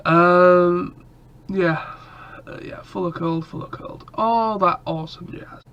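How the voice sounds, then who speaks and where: Lo-fi audio captures a man with a cold, congested and coughing, as he vlogs to camera in a loose, rambling way. He speaks slowly with a high voice, steady and clean in tone, filling his talk with ums and false starts.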